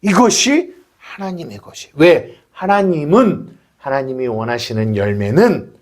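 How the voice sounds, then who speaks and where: A man's voice: fairly high pitch, animated, unhurried. A male pastor preaching a sermon, acting out prayers and imagined dialogue as he explains his point.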